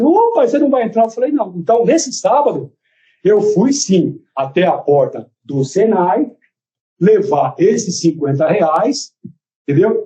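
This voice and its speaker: A man with a Brazilian Portuguese accent giving courtroom testimony as a defendant, telling his story in an animated way and acting out the dialogue. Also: high-pitched, muffled recording.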